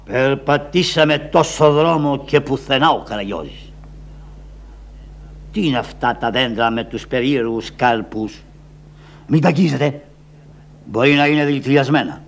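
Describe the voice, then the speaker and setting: A man's voice: medium pitch, gravelly, pauses often, voice pushed down, lightly acted. Man playing a solemn heroic captain. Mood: commanding, worried. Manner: solemn, declaiming orders. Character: Odysseus, grown male hero and commanding captain. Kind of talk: traditional shadow-puppet theatre voice.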